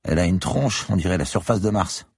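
A man voicing a crude, wisecracking male cop partner with a husky, slangy way of talking. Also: low voice, brisk, no echo, clean studio sound, voice pushed up, full character voice. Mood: crude, admiring. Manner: brash and slangy.

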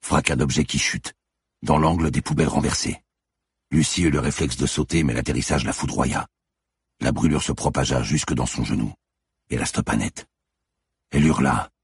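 A man narrating a thriller audiobook in a tense, measured, scripted delivery. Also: a bass voice, slightly rough, dry recording, studio quality.

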